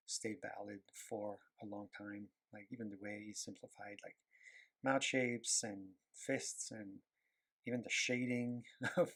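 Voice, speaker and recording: An animator and illustrator from Quebec, Canada, a native French speaker with a Quebec French accent, chats while he draws. His voice is lowish and fairly bright, with vocal fry and a breathy edge. He rambles, hunts for words and uses lots of fillers.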